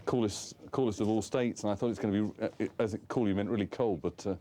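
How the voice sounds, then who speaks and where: A man's voice: on the low side, fairly even intonation, fast talker, mellow. A man, a visiting travel writer, chatting casually in an outdoor interview and rambling through plenty of fillers. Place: outdoors on a frozen lake.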